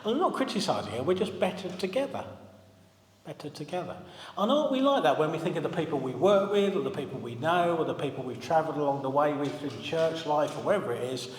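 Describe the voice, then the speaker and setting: A man's voice: on the high side, expressive, quick pace, few pauses, a little hiss or hum. A man in his forties preaching a sermon in a church as its minister, telling stories with humour and asking the congregation questions. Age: 40s. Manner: chatty, humorous storytelling, asks the congregation questions. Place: church hall. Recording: echoey hall, long reverb.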